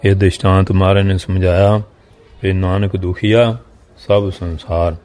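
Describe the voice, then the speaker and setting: A man's voice: low-pitched, little pitch movement, a little slow, a little mellow. A man giving a Sikh scripture discourse, reciting verse lines and then explaining each one plainly to his listeners. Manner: addresses listeners directly. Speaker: Sikh katha preacher.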